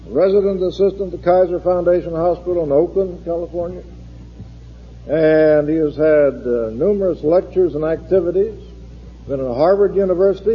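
An American man chairing a forum, giving a formal introduction from a lecture hall in a deliberate, halting, dry-humored manner. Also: on the high side, breathy edge. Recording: muffled 1960s hall recording, long reverb.

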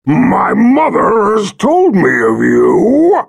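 A man voicing a huge proud young male red dragon, speaking slowly and booming as if from far off. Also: huge pitch swings, vocal fry, breathy edge, no room sound, exaggerated voice. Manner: slow, booming, growling.

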